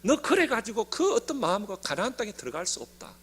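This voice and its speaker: A man's voice: high-pitched, huge pitch swings, a bit bright, slightly rough, exaggerated voice. A man voicing God as a stern, commanding figure in a sermon retelling. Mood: rebuking. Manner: slow, grave, questioning.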